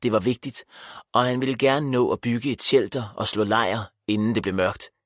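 Calm male audiobook narrator. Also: mid-range voice, no room sound. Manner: calm, measured reading. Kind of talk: scripted narration. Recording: dry studio reading.

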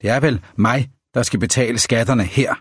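A man voicing a proud, resentful poor smallholder with a dry, rustling voice and a gruff, muttering manner. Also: mid-range voice, dry recording, close to an everyday voice. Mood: stern.

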